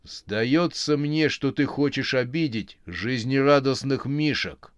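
A man voicing a small, grumpy toy teddy bear with a smoke-roughened voice, scolding and bossy. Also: medium pitch, slow pace, dry recording, highs cut off, voice pushed up, natural voice.

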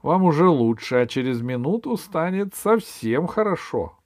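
A man voicing a brisk young girl. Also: on the high side, very animated, dry recording, clean studio sound, pitched above the performer's own voice. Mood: eager. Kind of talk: audiobook character voice.

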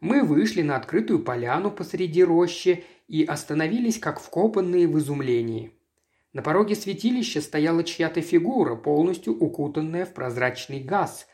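Steady audiobook storyteller. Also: mid-range voice, moderate pace. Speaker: audiobook reader. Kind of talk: scripted narration.

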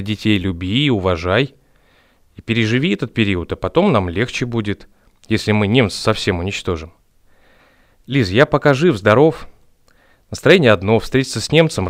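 A man's voice: on the low side, no echo, clean studio sound, natural voice. A man playing a tender, resolute Soviet soldier father in a dramatised reading of his wartime letter home, earnest and simple. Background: guitar music.

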